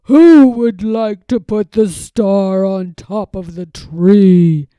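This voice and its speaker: A woman voicing a jolly, booming old Santa Claus for a storybook. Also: slow, smooth, no echo, close to an everyday voice. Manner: loud hearty laughter.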